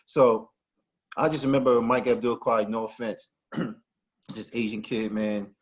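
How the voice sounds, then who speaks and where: A man telling animated, profane stories in a casual podcast chat, often breaking into laughter. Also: medium pitch, measured pace. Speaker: podcast host. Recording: muffled lo-fi audio.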